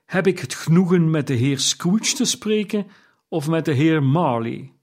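A man voicing a polite, well-fed gentleman who speaks formally and courteously, in an audiobook reading. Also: a little high, animated, a little slow, pitched above the performer's own voice.

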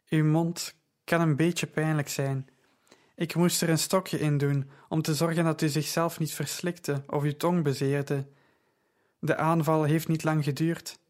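A man voicing a young woman who sells purple dye, speaking in a gentle, reassuring and knowledgeable way. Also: deep voice. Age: young adult.

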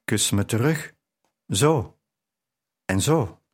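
A man's voice: medium pitch, animated, very slow. A man voicing a self-assured Persian nobleman who teases and gives commands. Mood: teasing. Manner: teasing, commanding.

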